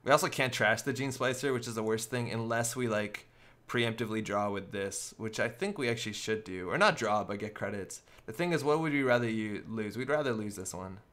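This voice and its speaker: A man's voice: lowish voice, fairly quick, a bit bright. Man thinking aloud over a card game. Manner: thinks aloud, working through plays step by step. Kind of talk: live casual game commentary.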